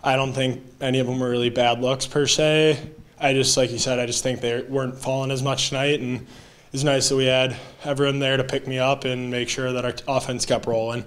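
A young man, a college basketball player, answering postgame questions in plain, steady sentences. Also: mid-range voice, a little fast. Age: young adult. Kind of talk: postgame interview.

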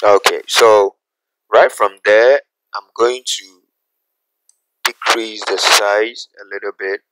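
A man teaching a graphic design software tutorial, talking through each step slowly and checking in with "okay?" as he goes. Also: on the low side, steady tone, background noise. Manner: unhurried, repeats steps, asks "okay?" often. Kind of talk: screen-recorded software tutorial.

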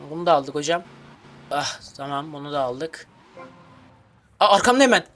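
A man giving let's play commentary as a gaming YouTuber, excitable and grumbling, cursing at the game. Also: on the high side, normal speed, a little hiss or hum.

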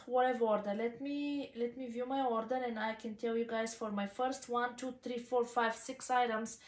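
A Bulgarian woman in her thirties, with a Bulgarian accent and a fairly high voice, chats casually in a fashion vlog filmed at home, peppering her talk with ums and uhs. She's in a small living room, and the camera's built-in mic sits a few feet away, picking up an echoey room.

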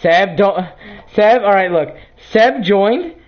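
A man chatting and shouting with friends during an online game, laughing often and getting exasperated. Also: sits high, expressive, takes it slowly. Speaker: gaming channel host. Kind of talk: casual gaming chat with friends. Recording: dull lo-fi voice chat.

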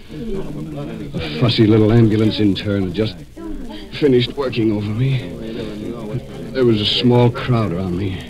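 An actor playing an earnest, worried district attorney in a 1940s radio drama, halting and confiding. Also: male voice, on the low side, close to an everyday voice, rough recording.

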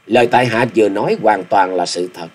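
A man's voice: fairly low pitch, a little fast, lightly acted. A man voicing a polite but stubborn young male swordsman who gives formal, proud replies. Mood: earnest.

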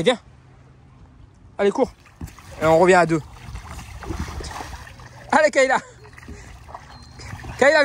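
A French father outdoors on a beach, filming with a handheld camera and calling out to his daughter in repeated, laughing encouragement. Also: high-pitched. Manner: repetitive coaxing calls to a child, often laughing. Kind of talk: family vlog narration. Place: sandy beach by the sea, outdoors.

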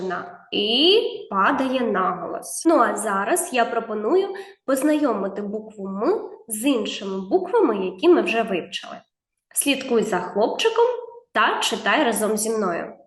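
Patient woman teacher, echoey room. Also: fairly high pitch. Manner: drawn-out sounds, patient step-by-step instructions; encouraging, talks straight to the child. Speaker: preschool reading teacher. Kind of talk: video lesson for young children.

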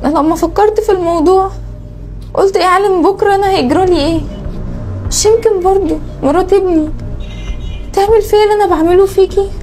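Actress as a jealous Egyptian wife, high voice, quick talk, sharp tongue, faint music behind. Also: female voice. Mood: pleading, remorseful. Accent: Egyptian Arabic. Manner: sharp and curt, then pleading. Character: jealous scheming young wife turning remorseful. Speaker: wife in a family drama. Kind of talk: Egyptian web drama acting.

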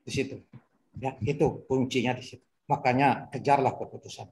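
A man's voice: medium pitch, fairly even intonation, normal speed, darkish tone, slight background noise. Emphatic man repeating his points. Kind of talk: church talk.

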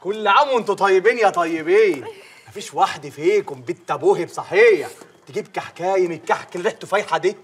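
A gentle village man with an Egyptian accent who calms others down. He speaks in a fairly high, quick voice. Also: a little hiss or hum. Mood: cheerful. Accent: Egyptian Arabic. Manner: gentle, soothing. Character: kindly village man, soothing.

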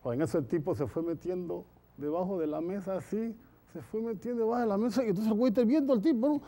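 A man with a somewhat high voice rambles through his jokes on stage. He talks loosely and sinks to a soft murmur when he plays the lovers. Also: fast. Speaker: stand-up comedian. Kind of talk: joke telling on stage.

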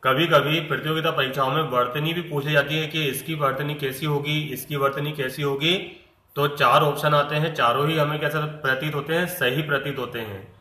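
A man's voice: a little high, steady tone, brisk, pushed and bright, echoey room, rough recording. A man teaching pronunciation, asking rhetorical questions and answering them while stretching words out. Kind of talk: slow, deliberate Hindi pronunciation lesson.

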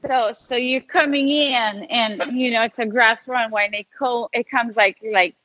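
A woman's voice: a little high, normal speed, no echo. A woman from Canada, a pilot guest on a podcast, chatting casually with lots of fillers and restarts. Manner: relaxed, rambling, with fillers and restarts. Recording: dull lo-fi audio.

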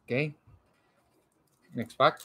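A man hosting a card break, announcing each card by player and team in a slow, animated way. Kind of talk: calling out cards during a live card break. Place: indoor room lined with card displays.

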